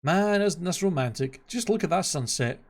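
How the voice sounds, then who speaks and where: Man playing cartoon donkey sidekick, male, excitable, raised pitch, chatty, colloquial, some gravel in the voice. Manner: fast-talking, exclamatory, colloquial.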